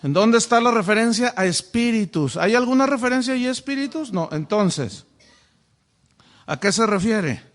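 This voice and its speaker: A man's voice: high voice, expressive, moderate pace, a bit bright. A pastor giving a sermon-style Bible lesson, often asking his listeners rhetorical questions. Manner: asks the audience frequent rhetorical questions. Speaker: pastor teaching Bible study. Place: church classroom with a whiteboard.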